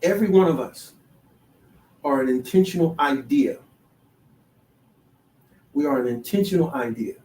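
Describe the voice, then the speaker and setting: A man hosting a solo talk show, halting with many restarts, then building to emphatic, sermon-like declarations. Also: on the high side, expressive, a little mellow. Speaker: podcast host. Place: DC, Maryland, Virginia area. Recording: echoey room, voice far from the mic.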